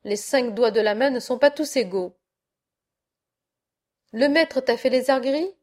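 A woman's voice: on the high side, a little slow, a little mellow, lightly acted. A woman voicing a stern old bearded peasant father who scolds his son in proverbs, in a storybook reading. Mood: scolding. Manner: sententious, proverb-laden rebukes.

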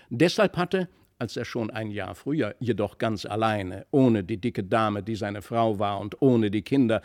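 A man reading a classic fairy tale aloud in a measured storytelling cadence, as an audiobook narrator. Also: medium pitch, darkish tone, dry recording, studio quality. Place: broadcast studio.

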